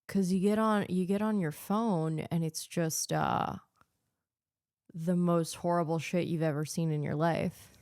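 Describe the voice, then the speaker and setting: A woman's voice: lowish voice, steady tone, a little slow, darkish tone, no echo, clean studio sound. A woman from the United States hosting a podcast, delivering an earnest, ranting political monologue full of filler words. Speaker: podcast host.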